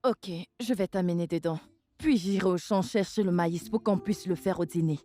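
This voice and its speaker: A woman's voice: on the low side, normal speed, mellow, no room sound, natural voice. An actress playing a young woman who is grieving her mother, speaking in a tearful, pleading way in a French-dubbed film. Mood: tender. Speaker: daughter.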